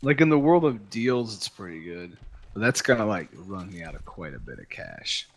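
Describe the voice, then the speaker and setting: A man's voice: lowish voice, sing-song, normal speed. A man playing a bard in a tabletop game, joking around and laughing a lot. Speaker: player, bard. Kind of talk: casual game chat.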